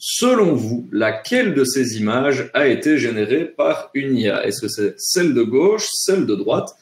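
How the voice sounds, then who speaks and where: A man moderating a live education webinar, unhurried, with drawn-out fillers between phrases. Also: mid-range voice, sing-song, reverberant.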